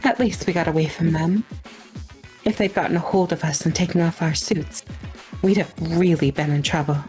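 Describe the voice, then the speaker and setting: A woman reading the lines of a calm, matter-of-fact young ally from a game. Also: fairly low pitch, normal speed, faint music behind, natural voice. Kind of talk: reading a game's dialogue aloud in character.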